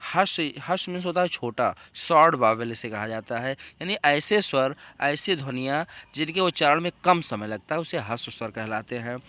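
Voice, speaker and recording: A man's voice: mid-range voice, lively intonation, moderate pace, hardly any pauses, bright, forceful tone, no echo. A man teaching grammar in a classroom lecture, asking questions and answering them himself, with English terms mixed in.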